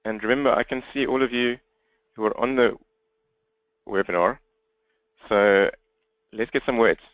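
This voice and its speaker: A South African man with a South African accent and a slightly croaky throat stands at his computer running an interactive webinar training, fast, direct and upbeat. His voice is medium-pitched and a bit bright. The recording is muffled, with no room sound.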